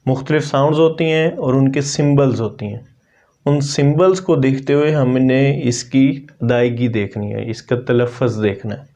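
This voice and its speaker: A man's voice: mid-range voice, darkish tone. Man teaching pronunciation. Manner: repeats words slowly to model pronunciation. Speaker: English teacher. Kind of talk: pronunciation lesson.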